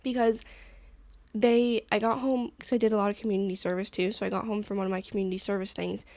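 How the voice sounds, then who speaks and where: A young adult woman co-hosts a podcast, telling stories in a casual, rambling, chatty way and saying "like" a lot. Her medium-pitched voice has a darkish tone, a flat delivery and a quick pace. The recording is dry.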